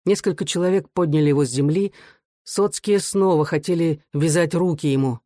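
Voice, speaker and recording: A man narrating a novel in a measured, expressive way, as an audiobook reader. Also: fairly high pitch, no room sound, clean studio sound. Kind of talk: dramatic literary narration.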